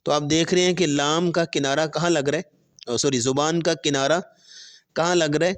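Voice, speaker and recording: A man teaching Quran pronunciation, explaining step by step and stretching letters slowly in drills, with English terms mixed in. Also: on the high side, fairly even intonation. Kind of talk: tajweed lesson with spoken drills.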